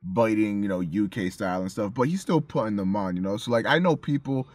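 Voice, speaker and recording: Man, casual music review, husky voice, dry close sound, lively swearing delivery. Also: on the low side, a little fast, no echo. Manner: animated, profane, mimics reactions. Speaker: co-host of a music review show.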